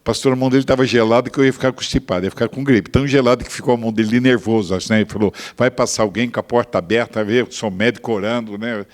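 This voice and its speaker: An older man, a pastor with a Brazilian Portuguese accent, telling a story in a sermon. He moves between hushed asides and loud, emphatic bursts. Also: mid-range voice, steady tone, racing, hardly any pauses. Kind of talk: sermon testimony.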